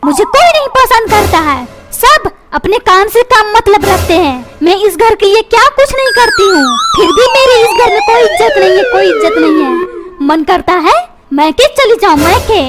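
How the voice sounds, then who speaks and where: A woman voicing a dramatic middle-aged mother in a comic cartoon, complaining and snapping back in a squeaky, very high voice. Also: big pitch swings, normal speed. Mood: self-pitying. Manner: complaining, self-pitying. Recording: very loud music underneath.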